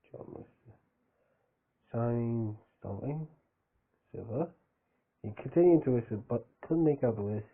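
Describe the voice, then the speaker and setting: A man's voice: medium pitch, husky. A man reading a fan story aloud, stumbling over words and breaking off for joking asides. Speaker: reader of fan fiction. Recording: tinny phone-like audio.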